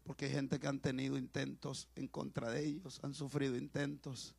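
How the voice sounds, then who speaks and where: A male pastor preaching a sermon with passion, swinging between shouts and hushed, quiet talk. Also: medium pitch, flat delivery, moderate pace, creaky, breathy edge, dry recording.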